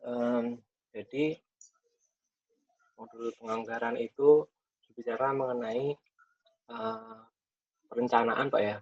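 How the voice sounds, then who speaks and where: Guy on a video call, audio breaking up in and out, gravelly voice, dull lo-fi sound, lots of ums. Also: mid-range voice, animated, a little mellow, no echo. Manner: halting, searches for words with fillers. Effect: audio breaking up on a choppy call connection. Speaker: course participant. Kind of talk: explaining in an online class.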